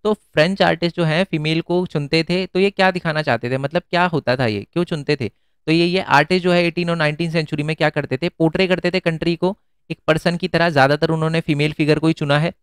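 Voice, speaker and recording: A man's voice: fairly high pitch, steady tone, fast talker, smooth, no room sound, clean studio sound. A man teaching an exam-prep lesson in a casual, chatty way, often asking questions and answering them himself.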